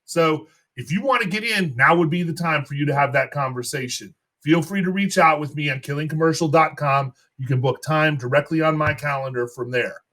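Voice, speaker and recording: A man's voice: a little high, a little fast, few pauses, bright, forceful tone. A man hosting an insurance podcast, fired up and preaching in a casual chat. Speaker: podcast host.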